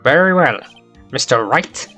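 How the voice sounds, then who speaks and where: A stern, formal old judge from a courtroom video game, handing down rulings in a measured tone, as a man puts him on. The voice is a touch husky. Faint game music plays underneath. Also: mid-range voice, expressive, sharp tone. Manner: commanding courtroom pronouncements.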